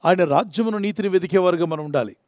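High-voiced man preaching earnestly. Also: fast talker, dry recording, studio quality. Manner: earnest preaching, acts out prayers and quotes. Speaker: pastor. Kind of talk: devotional sermon.

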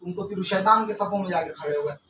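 Stern high-voiced man preaching in an echoey room. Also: quick pace. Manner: scolding, emphatic, repeats warnings. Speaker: preacher and exorcist. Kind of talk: sermon. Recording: echoey, distant mic with faint ambient noise.

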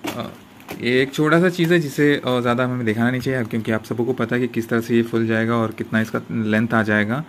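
A man's voice: medium pitch, steady tone, fairly quick. Hesitant man unboxing gear on phone. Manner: hesitant, many fillers and restarts. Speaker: vlogger unboxing camping gear. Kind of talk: casual unboxing talk. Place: indoor room at a table. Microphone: handheld phone camera pointed at the table. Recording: noisy phone recording with room hiss.

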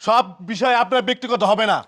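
A man's voice: very high-pitched, fast, a bit bright. A man playing an indignant jilted young son who wails, accuses and pleads in colloquial Bangladeshi Bengali.

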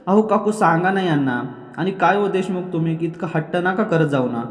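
A man's voice: sits high, brisk, reverberant, big-room sound, pitched above the performer's own voice, close to an everyday voice. A man voicing a sulky young wife who pleads in a tearful tone. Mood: pleading.

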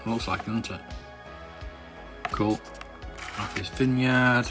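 A man acting as a channel host casually browses a catalogue and comments with a collector's enthusiasm. His mid-range voice is fairly even and slow, rambling and hesitant with many ums and restarts. Faint music plays in the background.

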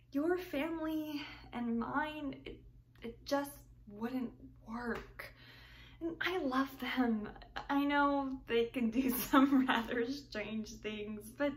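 A young woman playing a heartbroken heroine in a stage monologue, pleading haltingly with tragic sorrow, torn and earnest. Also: sits high, full character voice. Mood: fond, wistful. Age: young adult. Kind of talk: dramatic theatre monologue. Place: small plain room, indoors. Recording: distant mic, faint room noise.

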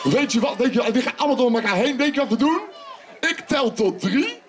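A man performing as a children's clown at an outdoor festival, playfully shouting questions to the kids and teasing them. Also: very high-pitched, animated, fairly quick, background noise. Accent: Dutch. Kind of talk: lively clown patter for children. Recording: open-air festival with crowd. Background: crowd of children.

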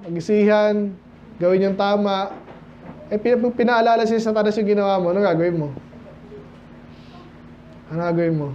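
A man's voice: high-pitched, warm tone, highs cut off, a little hiss or hum. A man with a Filipino accent preaching a midweek Bible-study sermon, chatting with the congregation and asking them "Amen?". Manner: acts out quoted voices of listeners. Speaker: pastor. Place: small church hall.

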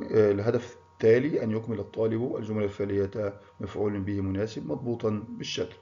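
A man's voice: fairly low pitch, mellow. Encouraging male schoolteacher, muffled audio. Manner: encouraging, praises pupils by name. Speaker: primary school Arabic teacher. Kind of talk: online grammar lesson. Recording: muffled lo-fi recording.

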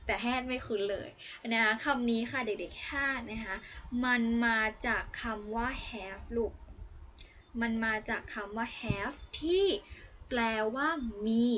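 A woman's voice: on the high side, a little hiss or hum. A young woman from Thailand, a student teacher, giving a chatty, encouraging online English lesson to young children. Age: young adult. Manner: chatty, coaxing, encouraging, with warm asides to the children.

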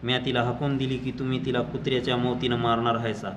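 A man voicing a defiant, fiercely protective poor villager who speaks in loud, angry declarations. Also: mid-range voice, level tone, fast talker, noisy background, close to an everyday voice.

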